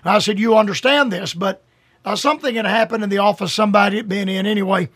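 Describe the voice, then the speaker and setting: A man's voice: high-pitched, fairly even intonation, fast, fairly bright tone, no echo, clean studio sound. An older man preaching a radio sermon in an earnest manner, stretching out key phrases for emphasis.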